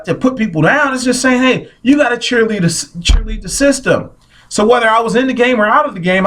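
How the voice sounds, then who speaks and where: Male motivational speaker, high-pitched, energetic and repetitive. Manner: energetic, repeats himself, peppered with "man" and "see". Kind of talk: motivational talk.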